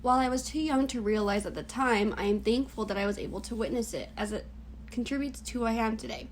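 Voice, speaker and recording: A fairly high-pitched woman in her early twenties talks at a quick pace, with slight background noise behind her. Raised in the U.S. as a native Cantonese speaker, she earnestly reads her prepared class project interview answers, scripted and reflective in tone.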